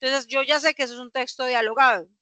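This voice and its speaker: A woman's voice: high voice, fairly even intonation, quick pace, pushed and bright, no room sound. A young woman, teaching a class and explaining patiently with rhetorical questions. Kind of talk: classroom lecture.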